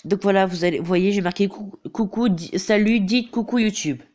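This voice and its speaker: Over footage of his screen, a teenage gaming YouTuber with a head cold explains how a game works. His high-pitched voice has a darkish tone and a moderate pace, and his hesitant delivery is packed with filler like a recurring "donc voilà".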